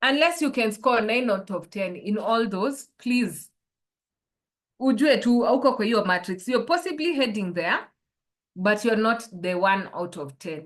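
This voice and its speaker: A woman, a life coach leading an online workshop and posing reflective questions to her listeners over a video call. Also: mid-range voice.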